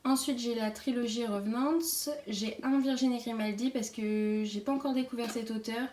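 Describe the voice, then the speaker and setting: Young woman, casual bookshelf tour, chatty with fillers, mellow voice. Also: fairly high pitch, steady tone, normal speed, reverberant. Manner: chatty, many fillers, laughs often. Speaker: book vlogger.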